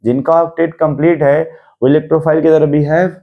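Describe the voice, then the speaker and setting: A man's voice: on the high side, steady tone, a little fast, phone-quality sound. A man teaching a chemistry class, lecturing and constantly asking the students questions. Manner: mixes English terms into Hindi explanation.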